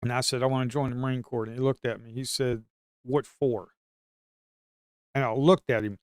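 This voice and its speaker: His voice is mid-range, steady and clear with a resonant tone, moving at a moderate pace. He's a middle-aged man from the Blue Ridge Mountains with an Appalachian Southern accent, rambling through crude, folksy stories and bursting into hollers during casual chat on a trading stream. Studio-quality sound, no room sound.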